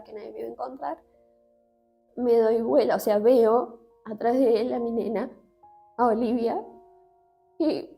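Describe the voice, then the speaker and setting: A woman with an Argentine accent gives an emotional personal testimony in an interview. She speaks haltingly, with many restarts and fillers. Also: a little high, dark tone. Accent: Argentine Spanish.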